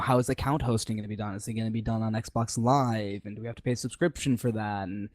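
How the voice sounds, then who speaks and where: A man on a casual community livestream panel, thinking aloud in a measured way. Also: mid-range voice, darkish tone, no room sound.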